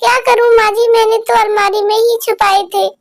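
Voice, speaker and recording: A woman's voice: very high voice, flat delivery, brisk, voice pushed up. Meethi, a woman doing a fretful little bird bride. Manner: worried and pleading. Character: young bird daughter-in-law, tearful and fretful. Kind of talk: cartoon voice acting.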